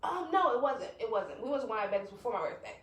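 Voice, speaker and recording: A woman's voice: fairly high pitch, big pitch swings, fast talker. A woman podcast host telling a story in casual chat, laughing often as she talks. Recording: roomy, distant mic with faint noise.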